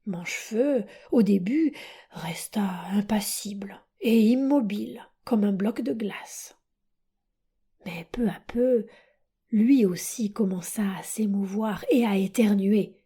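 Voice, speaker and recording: A woman narrating a children's storybook audiobook in a soft, hushed, breathy manner. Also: medium pitch, slow pace.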